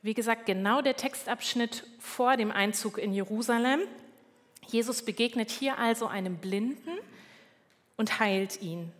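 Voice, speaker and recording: A woman giving a sermon in a calm, measured way, now and then correcting herself. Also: on the high side, in a large hall. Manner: calm, measured, with small slips and self-corrections. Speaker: preacher.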